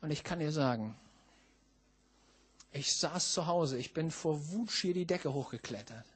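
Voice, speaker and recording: A middle-aged man from northern Germany preaching a sermon, telling a personal story emphatically, dropping low and then rising to shouts. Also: lively intonation, unhurried, slightly rough. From Schleswig-Holstein, northern Germany. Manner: emphatic, swings from hushed to shouting.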